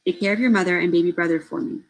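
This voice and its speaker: A woman reading as a tender old grandfather shouting goodbye. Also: fairly low pitch, steady tone, very fast, lightly acted, rough recording. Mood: calm resolve.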